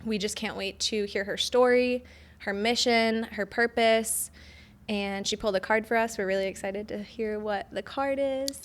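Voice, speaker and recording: A woman in her twenties hosts a casual podcast in a mid-pitched voice. She sounds bubbly and effusive and says "like" often. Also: steady tone, moderate pace. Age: 20s. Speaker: podcast host.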